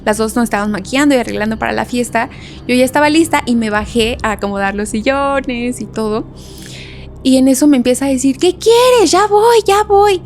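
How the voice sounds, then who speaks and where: A young woman with a Mexican Spanish accent telling a story in a casual podcast chat, animated and laughing often as she acts out voices. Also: fairly high pitch, quick pace, slight background noise. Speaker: podcast guest.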